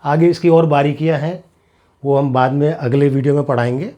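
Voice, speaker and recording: A man with a slightly higher voice teaches a classroom lesson. He sounds out syllables slowly and deliberately, repeating each one to show how it is made. He explains patiently and checks whether his students have understood. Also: fairly even intonation, warm tone. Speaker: Hindi teacher.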